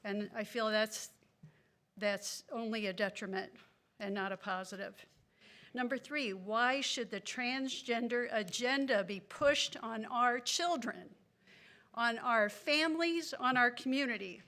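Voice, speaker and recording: At a city council meeting, a woman steps up to the podium microphone for public comment, indignant and earnest, with a few apologetic asides. Her voice sits fairly high, and she speaks unhurriedly in a sharp tone.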